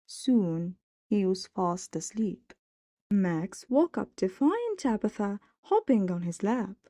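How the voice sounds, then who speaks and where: A woman narrating a children's storybook in an expressive, measured way on a close mic. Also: mid-range voice, no room sound.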